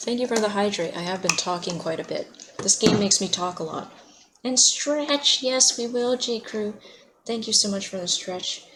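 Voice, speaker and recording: A woman streamer talks casually over her gameplay, with a voice pitched right in the middle. She laughs often and greets her viewers by name. A faint hiss sits under her voice. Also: moderate pace. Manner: chatty, laughs often, answers chat by name. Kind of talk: casual livestream chat while playing.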